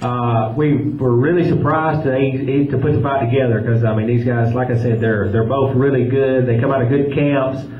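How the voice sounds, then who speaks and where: A man's voice: mid-range voice, steady tone, normal speed, few pauses. A man making informal remarks as a fight promoter at a press conference. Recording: echoey room, dull sound, faint noise.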